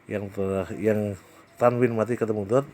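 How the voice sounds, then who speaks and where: A man teaching Quran recitation rules, explaining slowly with hesitations and drawing out the recited example words. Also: fairly low pitch, steady tone, warm tone, a little hiss or hum. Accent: Indonesian. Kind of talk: tajwid lesson with recited examples.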